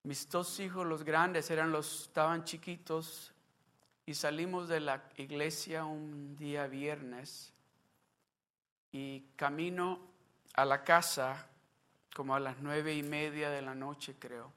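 A man's voice: a little high, flat delivery, slow, bright, forceful tone. A man preaching a sermon, telling a personal story in a conversational way and acting out remembered dialogue. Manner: conversational, with restarts and asides to the congregation. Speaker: pastor.

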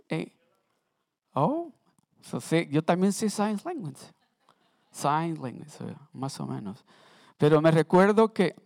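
A man's voice: on the high side, a little mellow, no echo, studio quality. A man preaching in church, talking to the congregation conversationally, asking them questions and mixing in English words. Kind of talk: Sunday sermon.

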